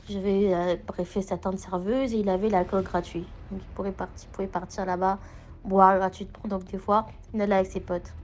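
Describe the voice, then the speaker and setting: A woman's voice: mid-range voice, a little mellow, slight background noise. Casual young woman recounting a story. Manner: rambling, full of fillers and restarts. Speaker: storyteller sharing a personal experience.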